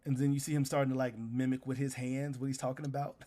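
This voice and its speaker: Male game master, average pitch, improvising tabletop narration in relaxed slang. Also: quick pace. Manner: casual, slangy.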